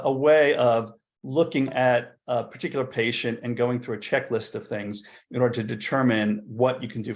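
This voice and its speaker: A male physician giving a webinar talk with slides, chatty and relaxed, sometimes repeating words. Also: medium pitch, highs cut off. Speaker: physician presenter at a medical webinar. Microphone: video call.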